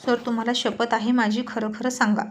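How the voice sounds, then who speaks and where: A woman's voice: on the high side, little pitch movement, a little fast, natural voice. A woman voicing a young wife who is anxious and devoted to her husband, pleading and worried.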